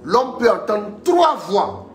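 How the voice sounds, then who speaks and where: Emphatic high-voiced male preacher. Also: sing-song, takes it slowly, roomy sound, soft background music. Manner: emphatic, repeats phrases, urges listeners on. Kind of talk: live-streamed teaching sermon.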